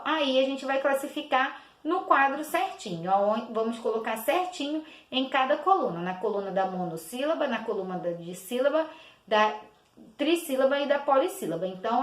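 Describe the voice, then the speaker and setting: A woman teacher gives a patient children's lesson, clapping out each syllable slowly and repeating words. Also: high-pitched. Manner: slow, clapping out each syllable, many diminutives. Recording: echoey room.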